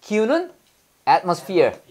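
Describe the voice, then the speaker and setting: A woman's voice: lowish voice, huge pitch swings, extremely slow, a little mellow. A woman teaching English vocabulary in class, drilling students with call-and-repeat prompts and playful memory tricks.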